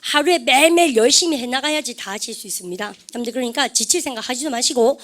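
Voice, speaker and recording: A woman teaching English vocabulary to a class, lively and chatty, often calling out to her students and drilling English words aloud. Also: high-pitched, fast. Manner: lively, repeats "여러분들", asks the class questions; refers to herself as "쌤". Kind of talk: lecture to a class.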